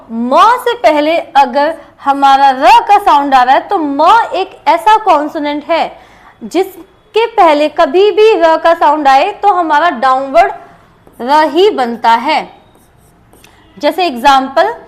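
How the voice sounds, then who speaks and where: An Indian woman teaching a shorthand lesson, explaining rules step by step and repeating each example aloud. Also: high-pitched.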